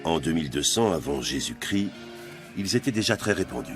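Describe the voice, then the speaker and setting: A man's voice: deep voice, very animated, fairly quick, creaky. A man reading scripted narration for a nature documentary in speech. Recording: music bed under narration. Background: music.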